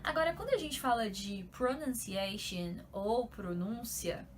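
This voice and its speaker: A young woman from São Paulo with a São Paulo accent, explaining things in a chatty, animated vlog style full of fillers. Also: a little high, unhurried, a little hiss or hum. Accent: São Paulo Portuguese. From São Paulo, Brazil. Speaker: YouTuber.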